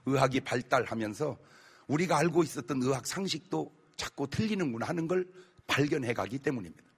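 A male pastor preaching a sermon, firing rhetorical questions at the congregation and bursting into shouts. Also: medium pitch, expressive, fairly quick, gravelly, slightly rough. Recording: long church hall reverb.

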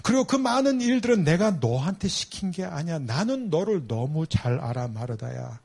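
A man voicing a gentle, patient lord who tenderly and slowly corrects a troubled woman. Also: high voice, animated. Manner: tender, slow, searching.

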